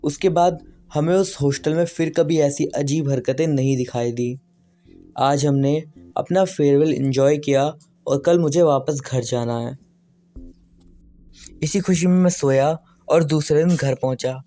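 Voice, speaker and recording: A man narrating a first-person horror story in a steady, earnest way. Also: on the high side, measured pace. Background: faint background music.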